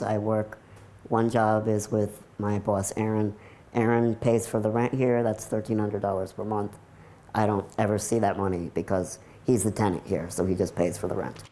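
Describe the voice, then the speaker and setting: A man's voice: on the low side, a little mellow. A nineteen-year-old man with an American accent, talking candidly and matter-of-factly in a casual documentary interview style. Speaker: computer programmer telling their own story.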